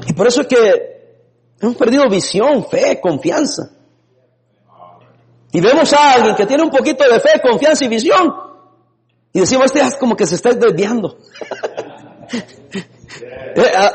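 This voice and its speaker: A man preaching a lively sermon as a pastor, laughing now and then and breaking into sudden shouts. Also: extremely high pitch, unhurried, long pauses. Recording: long reverb in a hall.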